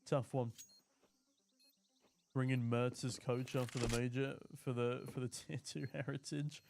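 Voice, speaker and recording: With a little hiss or hum in the background, a British caster speaks in a level, unhurried, creaky and slightly mellow mid-range voice. Alone on the mic, he calls an esports match and reads out viewer chat in a chatty, joking manner between plays.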